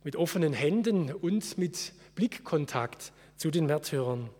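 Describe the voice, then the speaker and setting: A man giving an earnest, measured sermon as a preacher. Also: on the high side, animated, mellow, slightly rough, in a large hall. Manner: earnest, measured preaching with slow solemn quotes.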